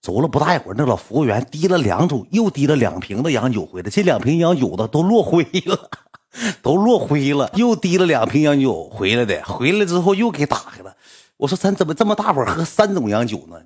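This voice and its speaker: A man in his twenties with a Northeastern Chinese accent, telling a personal story in a casual, animated way, often dropping to a hushed voice to quote others. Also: fairly high pitch, brisk, breathy edge. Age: 20s.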